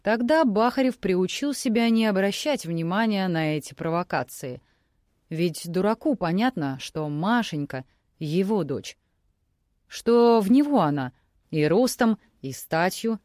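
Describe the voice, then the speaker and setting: A woman narrating an audiobook novel in a measured, expressive reading. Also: medium pitch, no room sound, clean studio sound. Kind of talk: scripted narration.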